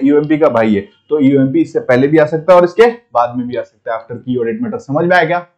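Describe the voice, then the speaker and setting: A man with an Indian English accent lecturing a class on auditing in a casual mix of languages, teasing students by name and slowing down to repeat key phrases. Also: on the high side, darkish tone, muffled recording. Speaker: CA audit teacher.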